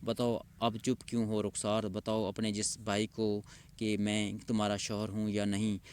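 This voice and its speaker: Brief: blustering gangster bully, read by a man, gruff and loud, low voice. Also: completely flat delivery, lightly acted.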